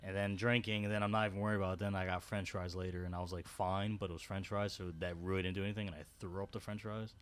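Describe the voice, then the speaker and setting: Man, very deep voice, podcast co-host, rambling casual stories, slang. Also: level tone, rapid-fire, hardly any pauses, a bit bright, clean tone. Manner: rambling, slangy storytelling with swearing. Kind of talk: casual chat.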